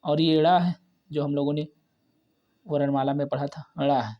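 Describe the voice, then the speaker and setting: A patient male teacher walks learners through a basic reading lesson. He sounds out each syllable slowly and repeats every word several times. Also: a little high, fairly even intonation, lo-fi sound. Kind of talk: slow step-by-step reading lesson.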